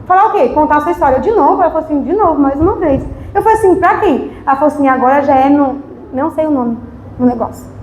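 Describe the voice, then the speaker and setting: A woman's voice: high voice, quick pace, reverberant, lo-fi sound, a little hiss or hum. A woman deaconess from Brazil, giving a testimony sermon and acting out conversations as she tells the story. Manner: animated storytelling, acting out dialogue. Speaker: deaconess preaching. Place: church service.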